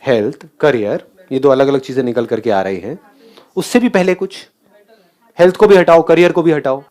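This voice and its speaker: A man's voice: mid-range voice, moderate pace, darkish tone. A man giving a motivational talk, asking the audience questions and mixing English phrases into his speech. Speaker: motivational speaker.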